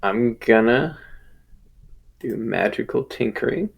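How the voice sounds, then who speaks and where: Slow, creaky man thinking aloud. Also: mid-range voice, expressive, slight background noise. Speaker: tabletop game player. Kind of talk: casual game chat.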